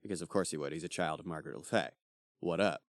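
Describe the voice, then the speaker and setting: A man co-hosts a casual book club podcast, talking animatedly and acting out quotes from the book. His voice is rumbling low, fast and gravelly, recorded in a clean studio with no room sound.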